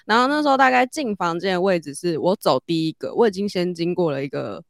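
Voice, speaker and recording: A woman, telling a story in casual chat and growing animated as she goes. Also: fast talker, dry recording, studio quality. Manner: animated, rises high when excited.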